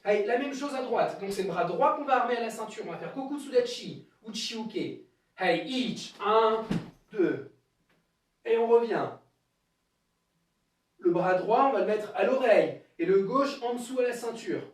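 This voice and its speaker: A man's voice: high-pitched, lively intonation, normal speed. A man teaching a karate class to children, calling counts in Japanese and guiding each move step by step, recorded live on a camera across the room. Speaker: karate instructor. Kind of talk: live online class instruction. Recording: very echoey room, from far off.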